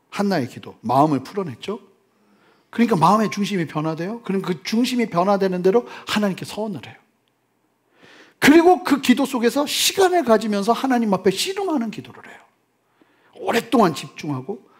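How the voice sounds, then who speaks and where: A middle-aged man preaching a sermon as pastor, swinging from loud exclamations to hushed near-whispers. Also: high voice, sing-song, fairly quick.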